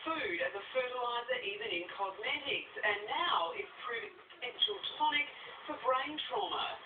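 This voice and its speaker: A woman's voice: on the high side, animated, normal speed, recorded from a distance. Woman reporter voicing a news story. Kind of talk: scripted news report voice-over. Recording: echoey, tinny off-air TV recording with noise.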